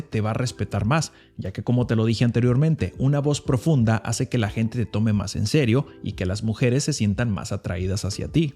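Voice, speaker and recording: Calm instructive man giving voice tips. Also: mid-range voice. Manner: calm, instructive, addressing the viewer directly. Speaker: lifestyle video host. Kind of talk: voice-over tutorial.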